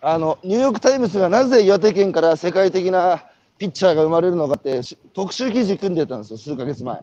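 A man from Iwate, Japan, with a Tohoku accent hosts a walking interview outdoors, telling stories animatedly and posing rhetorical questions. His voice is high-pitched and fast, with no echo and the highs cut off.

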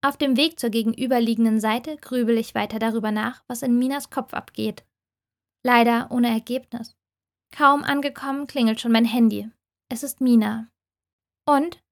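Steady-voiced woman reading aloud. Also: on the high side, normal speed, gravelly. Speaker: book podcast host. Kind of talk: audiobook reading and podcast outro.

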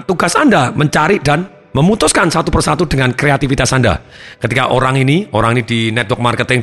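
A man teaching a seminar audience as a habit-change therapist, lively and acting out little scenes and sounds as he explains. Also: medium pitch.

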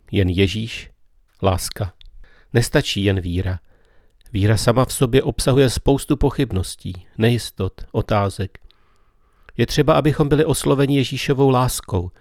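Low-voiced man giving a quiet meditative sermon. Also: no echo, studio quality. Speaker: preacher. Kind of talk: reflective spiritual talk.

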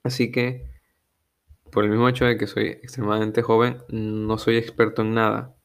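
A young man hosting his own podcast speaks in a low, gravelly voice that stays level and even. He takes his time, pausing and restarting often as he searches for the right word. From Venezuela. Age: young adult. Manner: slow, hesitant, searching for words with frequent restarts. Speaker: podcast host. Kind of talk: solo reflective monologue.

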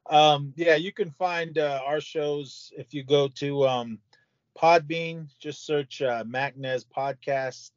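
A man's voice: a little high, steady tone, takes it slowly, no echo. An older man, a podcast guest, rambling casually with lots of fillers. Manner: rambling, filler-heavy plugs. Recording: dry, dull lo-fi audio.

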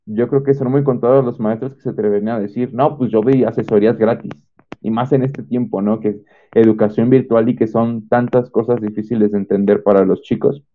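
A young man with a Mexican accent, once homeschooled, recounts his schooling in a casual, animated testimonial, acting out remembered dialogue. His mid-range voice moves fairly quickly, and the audio sounds tinny, like a phone.

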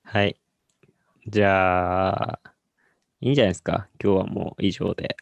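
A man in his thirties co-hosting a podcast in casual chat, laid-back and quick to agree. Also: deep voice, little pitch movement, gravelly, no echo, dull audio. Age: 30s. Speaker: podcast co-host. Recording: faint guitar music underneath.

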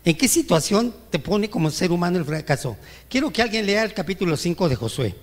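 A man preaches in church with a high-pitched, sing-song voice, going a little fast, the sound bouncing around the reverberant hall. As pastor, he quizzes the congregation with rhetorical questions and acts out peevish complaints to God.

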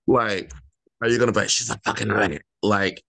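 A man's voice: lowish voice, fairly even intonation, normal speed, creaky, fairly bright tone, dry recording, poor audio. A man co-hosting a podcast, teasing and sassy, swearing through casual gossip about reality TV. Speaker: podcast co-host.

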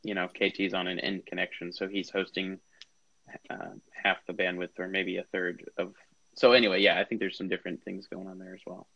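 A man hosts a casual group call, his voice coming through like a speakerphone: dull, lo-fi and dry, with no room around it. He rambles loosely with plenty of filler words, at a slightly low pitch. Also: little pitch movement, fairly quick, vocal fry, pushed and bright, dry recording. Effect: speakerphone-like sound. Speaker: call host. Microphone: AirPods earbuds on a call.

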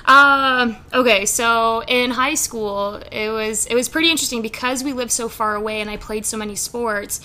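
Bright, animated young woman storyteller. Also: a little high, moderate pace, hardly any pauses. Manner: animated storyteller, laughs often, lots of fillers. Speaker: race car driver guest. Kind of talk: casual interview chat.

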